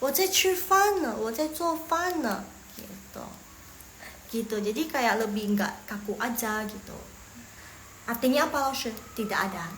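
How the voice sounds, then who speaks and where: Chatty woman teaching Mandarin, echoey room. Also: a little high. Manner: chatty, explains slowly, repeats phrases. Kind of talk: casual online language lesson. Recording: echoey room with faint noise.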